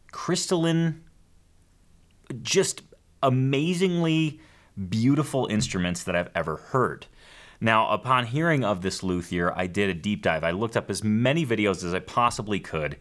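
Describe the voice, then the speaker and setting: Upbeat low-voiced male podcast host. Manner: upbeat, excitable, self-deprecating jokes. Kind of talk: enthusiastic show hosting.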